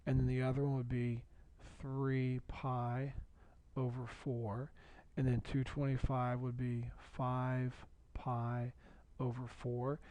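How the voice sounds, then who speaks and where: Patient male math teacher, mellow voice. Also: medium pitch, little pitch movement, slow, no room sound. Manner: patient, repeats key points, checks in with "okay?". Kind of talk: recorded video lesson.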